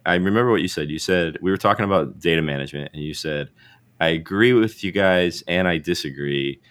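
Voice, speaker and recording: A man with a very low, deep voice hosts a podcast over a remote setup. He sounds a little under the weather, his voice rough like he just woke up, and he rambles, restarts and chuckles as he talks. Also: fairly quick, fairly bright tone. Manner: rambling, self-correcting, laughs often. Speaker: podcast host. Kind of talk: casual interview chat. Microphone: remote call setup.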